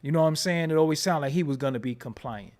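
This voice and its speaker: A commentary vlogger with a New York accent talks fast in a slightly high, somewhat mellow voice. His casual commentary is loose and profane, and he keeps asking "you know what I'm saying."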